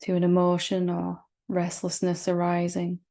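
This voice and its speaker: Leading a guided meditation, this spiritual teacher uses a lowish, monotone voice. Her manner is gentle and reassuring, and she lets long, unhurried pauses sit between phrases.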